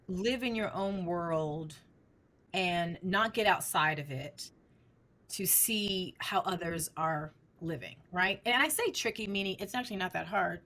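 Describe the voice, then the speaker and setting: A middle-aged woman researcher answering interview questions in an animated, emphatic way, often posing rhetorical questions. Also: mid-range voice. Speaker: speech language researcher.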